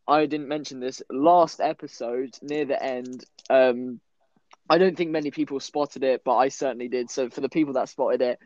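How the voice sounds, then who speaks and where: A man's voice: medium pitch, steady tone, a little mellow, dry recording. A young man talks casually on a podcast, chatty and cutting in with asides. His voice is dry and close to the mic. The sound is dull and lo-fi, like a call connection. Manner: chatty, breaks in with quick asides. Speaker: podcast co-host. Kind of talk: casual chat. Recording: dull lo-fi online call audio.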